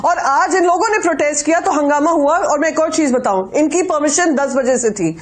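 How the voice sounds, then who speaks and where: A woman with a high voice presses her point as a panelist on a televised political debate. She is insistent, cuts in with strings of quick denials and slips English words into her talk. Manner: insistent, rapid repeated denials, mixes in English. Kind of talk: heated TV debate argument.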